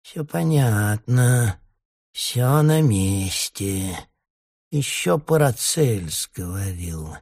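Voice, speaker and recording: Guy doing a creepy old seer, slow toothless mumble, husky and low. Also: animated, darkish tone, full character voice. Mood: eerie. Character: elderly man, mumbling eerie old seer.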